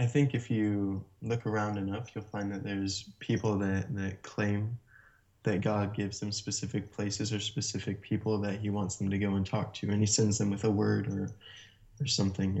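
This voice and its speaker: A man guest telling a personal story in a casual, animated way, often laughing between sentences. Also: lowish voice. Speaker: interview guest. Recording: muffled lo-fi sound.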